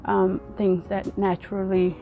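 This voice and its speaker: A woman from Ethiopia, vlogging outdoors in an earnest, halting way and often repeating her words. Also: medium pitch, monotone, phone-quality sound, soft background music. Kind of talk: casual personal vlog talk.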